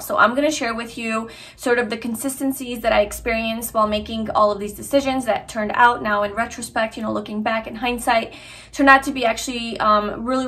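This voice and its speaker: With a voice on the high side and slightly bright, a young woman from Hungary chats sincerely with her vlog viewers. Her casual talk is full of fillers and restarts.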